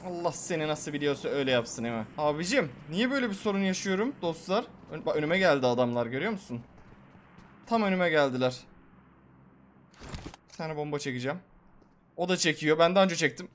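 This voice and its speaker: A man giving live, excitable gameplay commentary as a gaming YouTuber, swearing and talking to his viewers. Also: fairly high pitch, fast talker, pauses often, a little hiss or hum.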